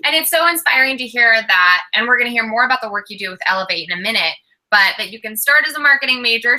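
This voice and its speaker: An upbeat, enthusiastic woman hosting a live interview. Her voice is very bright and ringing, a little higher than most. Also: low-quality recording. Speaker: host.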